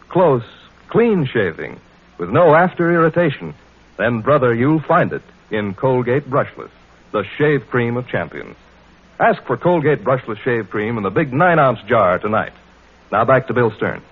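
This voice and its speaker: A man's voice: medium pitch, husky. An American man reading a 1940s radio advert as announcer, with punchy, emphatic old newsreel salesmanship. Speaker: commercial announcer. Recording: tinny, narrow vintage radio recording.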